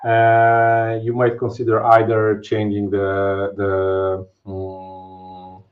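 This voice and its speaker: A man's fairly low, monotone voice draws out his words as he hosts a live technical webinar over a webcam from his home office. In his thirties and from Poland, he has a Polish accent and explains in a casual way, leaning on fillers and tag questions. Captured on a webcam video call, the stream audio is dull and lo-fi.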